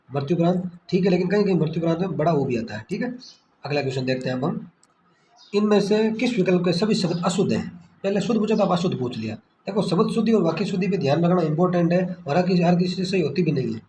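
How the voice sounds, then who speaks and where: A man's voice: fairly high pitch, darkish tone. A man teaching a Hindi exam prep lesson. He asks a question, answers it himself, and repeats the key word again and again. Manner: repetitive quiz-style questioning, frequent "ठीक है". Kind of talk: screen-recorded exam lesson. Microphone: screen-recorder phone mic. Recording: echoey room with faint background hiss.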